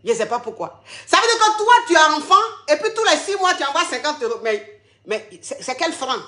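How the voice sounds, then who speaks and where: A high, bright-voiced woman holds court as a comic advice coach, flamboyant and teasing. The room around her rings with echo. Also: big pitch swings, a little fast. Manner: flamboyant, teasing, calls everyone darling. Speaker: comic agony-aunt coach. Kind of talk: comic phone-in advice sketch.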